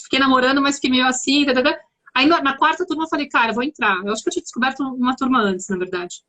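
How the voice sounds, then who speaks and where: A woman's voice: sits high, rapid-fire, fairly bright tone. A woman from São Paulo with a São Paulo Brazilian accent, chatting as a guest in a reflective way and often restarting her sentences. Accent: São Paulo Brazilian Portuguese. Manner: reflective, searching for words with many restarts. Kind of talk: casual conversation.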